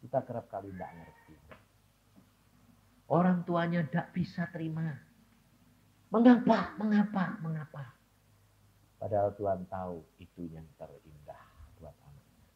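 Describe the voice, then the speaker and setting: A man's voice: very animated, normal speed. Dramatic preaching man, lo-fi recording. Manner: dramatic swings from loud shouting to hushed low storytelling. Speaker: evangelist preacher. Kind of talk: sermon. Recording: dull lo-fi sermon recording.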